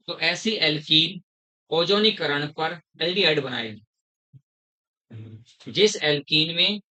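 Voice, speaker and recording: A middle-aged man teaching a chemistry class, slowly repeating terms, quizzing his students and calling them "beta". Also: fairly high pitch, pushed and bright, rough recording. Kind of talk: classroom lecture.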